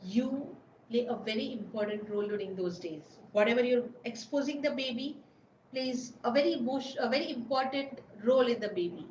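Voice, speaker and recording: A woman with a slightly high, darkish voice and lively intonation gives an informal webinar lecture a little fast, often repeating herself and searching for words. The sound is lo-fi and roomy, with slight background noise and faint ambience.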